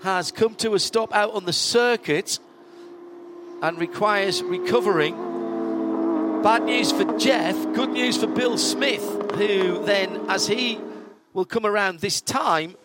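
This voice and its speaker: A man with a high-pitched voice works as a live motorsport commentator. He calls the race play-by-play, correcting himself as he goes. Loud car noise runs behind him throughout. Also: slow. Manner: running play-by-play with self-corrections. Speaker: motorsport commentator, lead announcer. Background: race cars, trackside ambience.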